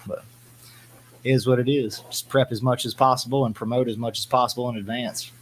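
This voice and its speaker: A man's voice: mid-range voice, fairly even intonation, brisk, rough recording. A man in a casual chat, talking in a laid-back, slangy way as a member of a band. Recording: clear background noise.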